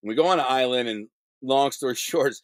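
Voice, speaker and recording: Animated man spinning a blunt street story. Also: medium pitch, a little fast, dry recording. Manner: animated, acts out other people's lines in the story; blunt street slang with censored swearing. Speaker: guest telling his life story. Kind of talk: casual storytelling.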